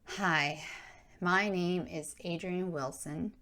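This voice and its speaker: A woman's voice: on the low side, takes it slowly, bright, forceful tone. A woman voicing a shy, whining fifth-grade girl who hesitates over her words in a spoken memoir. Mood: whiny, reluctant.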